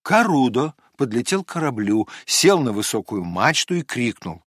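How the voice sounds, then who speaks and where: A man reading a children's storybook aloud with expressive, animated storytelling. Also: medium pitch, normal speed, no room sound, clean studio sound. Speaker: narrator.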